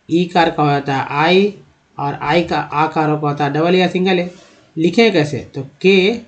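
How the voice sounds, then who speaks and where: A man teaching a lesson, explaining step by step, often asking a question and answering it himself, and addressing viewers as friends. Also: on the high side. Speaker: English teacher. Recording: dull lo-fi sound.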